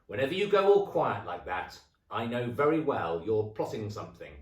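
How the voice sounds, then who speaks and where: A man voicing a nasty old hag wife, shrill and cackling, in a roomy recording. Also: big pitch swings, normal speed. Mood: sly. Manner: shrill and screeching. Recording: roomy echo, distant mic.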